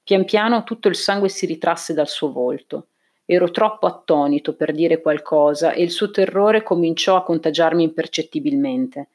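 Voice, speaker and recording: A woman reads a first-person novel aloud as an audiobook narrator. Her voice sits on the low side, and her delivery is measured and even throughout.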